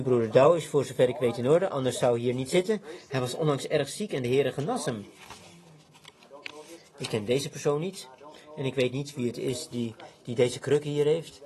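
A middle-aged man preaching and praying in a church tabernacle, fervent and conversational, often adding a quick "see?". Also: fairly high pitch, mellow. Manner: fervent, conversational, repeats "zie" and "ziet u". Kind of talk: sermon, prayer and healing service.

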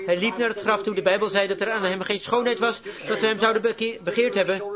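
A man's voice: high-pitched, steady tone, fast, a loud crowd. A man preaching a fervent sermon, emphatic and rising to exclamations, recorded lo-fi before a live congregation.

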